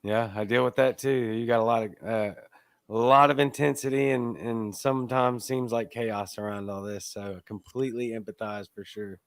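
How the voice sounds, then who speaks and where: A man's voice: mid-range voice, fairly even intonation, normal speed, no room sound. Easygoing man hosting, dry sound. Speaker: live show host. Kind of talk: casual live interview chat.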